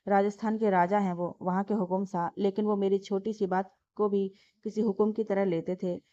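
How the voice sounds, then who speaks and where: Lady reading as a tearful lovesick young woman, flat mellow voice, dull dry sound. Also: medium pitch, normal speed, natural voice. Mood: longing. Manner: soft, tearful pleading.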